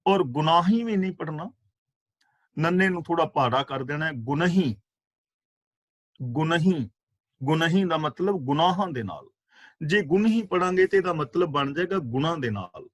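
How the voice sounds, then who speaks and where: A man giving a scripture class, reciting verses slowly and explaining their pronunciation and meaning, with fervent rhetorical questions. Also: a little high, animated, no room sound. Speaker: katha preacher. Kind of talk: scripture exposition.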